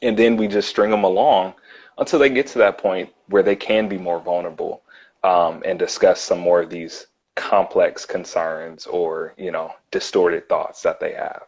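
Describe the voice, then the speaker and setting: A man working as a clinical counselor, talking earnestly and thoughtfully in a casual interview, often pausing with ums and repeating words. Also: low voice, steady tone, a little mellow, husky. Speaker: licensed clinical counselor, guest. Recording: dull lo-fi audio.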